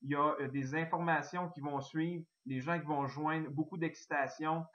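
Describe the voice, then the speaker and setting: A man with a Québécois French accent giving an eager, excitable sales pitch on a recorded online call, full of fillers and restarts. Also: moderate pace, muffled recording. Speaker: network marketing presenter.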